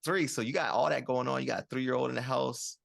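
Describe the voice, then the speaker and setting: A man's voice: mid-range voice, steady tone, quick pace, creaky, a bit bright. A young man in his twenties hosting a podcast, asking questions in a rambling casual way. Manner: rambling, many fillers and restarts. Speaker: podcast host. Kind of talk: casual interview.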